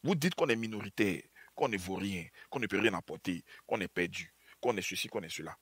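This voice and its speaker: A man's voice: sits low, expressive, fairly quick, fairly bright tone, husky, no room sound. A man with an Ivorian French accent giving heated political commentary to viewers, mocking, firing rhetorical questions and restarting his sentences. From Côte d'Ivoire. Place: abroad, in a developed country.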